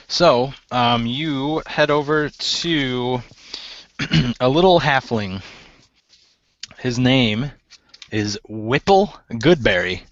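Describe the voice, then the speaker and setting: A man's voice: medium pitch, fairly bright tone, no room sound, dull audio. A man narrating as game master of a tabletop role-playing game, often laughing and hesitating with fillers.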